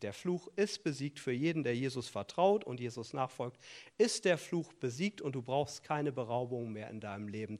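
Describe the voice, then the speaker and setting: Middle-aged guy preaching, kinda high voice, earnest and pushy, cracks jokes and restarts a lot. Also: a little mellow. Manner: earnest, insistent, with joking asides and restarts. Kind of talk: sermon on tithing and offerings.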